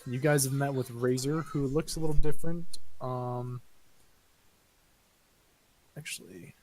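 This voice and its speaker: Man, game master, casual narration, mid-pitched voice, fillers. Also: fairly even intonation, a little slow, darkish tone, rough recording. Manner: casual, swears freely, hesitant fillers.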